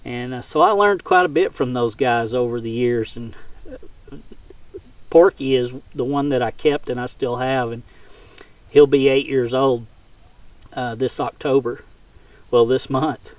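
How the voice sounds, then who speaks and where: A man's voice: medium pitch, a little slow, long pauses, a little hiss or hum. Folksy man telling hunting stories, miked from afar. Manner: folksy, rural colloquial phrasing. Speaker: hog hunter and game caller. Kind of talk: casual first-person hunting storytelling. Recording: distant mic outdoors with insect sounds.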